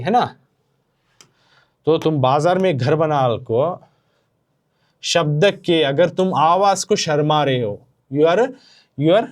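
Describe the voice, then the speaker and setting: A male teacher walks students through a poem, repeating each phrase and slipping into English. His voice sits a little high for a man. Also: darkish tone. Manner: explains slowly, repeats phrases, mixes in English. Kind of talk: classroom poem explanation.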